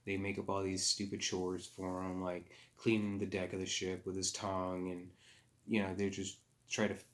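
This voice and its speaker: A man with a somewhat low voice talks through a film's plot in a loose, casual review. He rambles and stops to correct himself often, with plenty of fillers along the way. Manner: rambling, halting, with frequent fillers and self-corrections. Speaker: movie reviewer. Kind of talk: casual spoken movie review recap.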